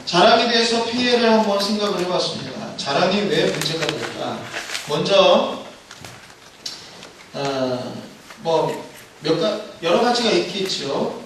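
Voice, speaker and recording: High-voiced pastor, echoing far off. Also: male voice, background noise. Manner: storytelling, animated, playful. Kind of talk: sermon. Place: church sanctuary. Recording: echoey hall from far off.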